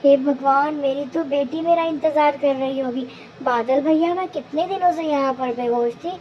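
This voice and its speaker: A woman's voice: high-pitched, moderate pace, darkish tone, slight background noise, natural voice, low-quality recording. A woman voicing a small, anxious mother sparrow in a cartoon story, chirpy and exclaiming. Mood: worried.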